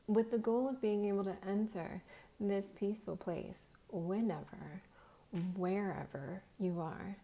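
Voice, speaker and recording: A woman guiding a hypnosis relaxation in a slow, soothing, measured hypnotist manner, with long pauses and a soft voice that turns breathy at phrase ends. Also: on the low side. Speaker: guided hypnosis and meditation host.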